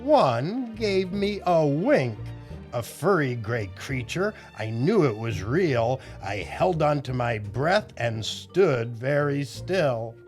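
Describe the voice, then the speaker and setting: Over soft background music, an older man with a medium-pitched, sing-song voice takes it slowly while hosting a kids' storytime show. He tells jokes and reads stories in a playful, theatrical, exaggerated style.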